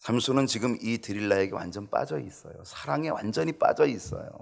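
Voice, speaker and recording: Male pastor, sermon delivery, swoops high for acted pleas, lively intonation. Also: a little fast, gravelly. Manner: animated preaching, acts out quoted pleas in high voice. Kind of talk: Bible study sermon.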